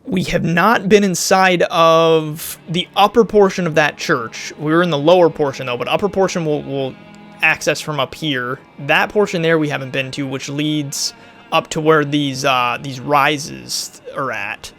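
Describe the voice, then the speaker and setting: Male gaming YouTuber, rambling let's-play commentary, slightly worn gravelly voice. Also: on the high side, a little slow, fairly bright tone, soft background music. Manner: chatty, rambling, thinks aloud. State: losing his voice a bit.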